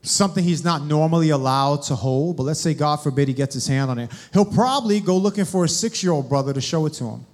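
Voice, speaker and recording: A man's voice: on the high side, quick pace, few pauses, a little mellow. A young man preaching a sermon, addressing the congregation directly with questions. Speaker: guest preacher.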